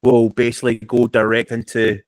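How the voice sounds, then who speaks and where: Here a man with a mid-range voice talks briskly in a completely flat delivery, captured in a dry recording. A guest or co-host on a podcast, he chats casually about TV and film, rambling, restarting sentences, and laughing mid-speech.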